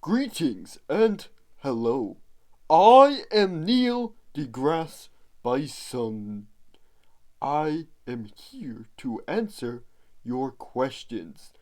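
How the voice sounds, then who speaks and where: A man voicing a pompous, know-it-all male bison scientist puppet who speaks with solemn, deadpan grandeur. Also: medium pitch, drawn-out words. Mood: mock-solemn. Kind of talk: puppet comedy sketch.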